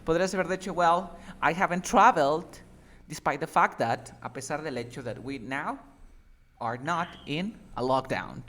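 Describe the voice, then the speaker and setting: A man's voice: on the high side, measured pace, a bit bright. A man teaching English one-on-one, giving feedback patiently and explaining step by step while often checking that his student understands.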